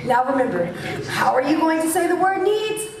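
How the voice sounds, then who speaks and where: A woman's voice: extremely high pitch, very animated, normal speed, background noise, heavily acted. A young woman playing a strict, cruel older schoolteacher in a school stage play, bossy and theatrical. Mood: domineering. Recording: echoey auditorium from far off.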